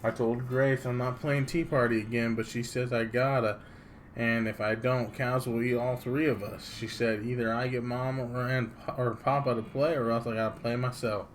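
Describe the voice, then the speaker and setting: A man's voice: medium pitch, little pitch movement, moderate pace, a little hiss or hum, close to an everyday voice. A man reading the diary of a naive, fearful young frontier girl from a game, in plain childlike phrasing. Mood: sad, reluctant. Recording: music playing behind the voice.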